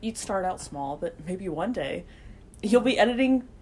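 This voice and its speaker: A woman's voice: mid-range voice, lively intonation, moderate pace, darkish tone, slightly rough. A woman co-hosting a casual chat podcast, talking frankly and swearing casually. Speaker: podcast co-host.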